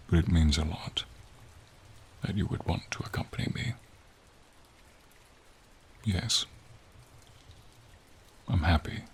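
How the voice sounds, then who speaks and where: A voice actor plays a gentle, wise, lonely dragon in a slow, intimate ASMR fantasy roleplay, using a deep, gravelly, breathy, exaggerated voice. He speaks in a measured, pensive, slightly formal way with frequent pauses, and the mood is warm and reflective. Light rain and outdoor ambience sound in the background.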